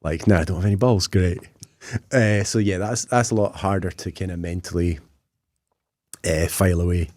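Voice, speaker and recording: A man's voice: sits low, steady tone, normal speed, a little mellow, dry recording, clean studio sound. A Scottish man in his thirties, a podcast guest talking casually and self-deprecatingly with lots of fillers. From Scotland.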